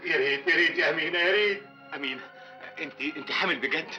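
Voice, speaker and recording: Overjoyed Egyptian husband. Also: male voice, fairly high pitch, very fast, highs cut off, soft background music. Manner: exuberant, shouting his wife's name, gushing. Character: overjoyed husband, expecting his first child. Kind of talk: classic Egyptian film acting.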